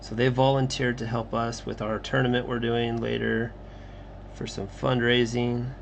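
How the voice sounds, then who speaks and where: A man with a creaky, mid-range voice chats haltingly with inaudible co-hosts as he draws comics on a relaxed livestream. A little background noise sits under the recording.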